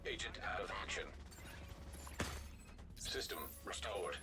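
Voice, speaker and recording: A man voicing a stern in-game AI that announces agent status in flat, clipped lines through a synthetic effect. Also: sits low, takes it slowly, a crowd in the background, exaggerated voice. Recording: game audio under loud gunfire.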